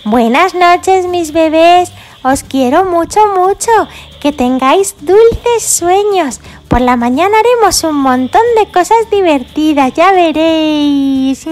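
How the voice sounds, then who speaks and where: A woman's voice: sits high, expressive, takes it slowly, darkish tone, voice pushed up. A woman voicing a cheerful little girl pig who fusses over her baby dolls with doting sighs. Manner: fussy, doting, sighing often.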